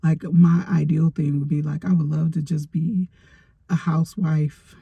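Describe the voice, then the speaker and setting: Middle-aged woman in her car rambling on a vlog, husky and kinda gravelly, super dry phone sound. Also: low voice, level tone, a little slow, dry recording, muffled recording. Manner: rambling, chatty storytelling with many fillers. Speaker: vlogger. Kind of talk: casual storytime vlog. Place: parked car in a driveway.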